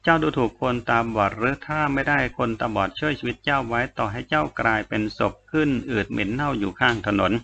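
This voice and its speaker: A man reading the lines of a sharp-tongued young girl faking blindness in an audiobook, loud, scolding and indignant. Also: medium pitch, a little fast, vocal fry, hardly any pauses, highs cut off.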